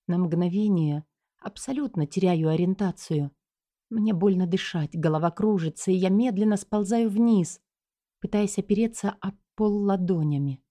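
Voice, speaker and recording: A woman's voice: mid-range voice, moderate pace, dark tone. A woman reading a first-person story aloud as an audiobook narrator, in a tense and dramatic way.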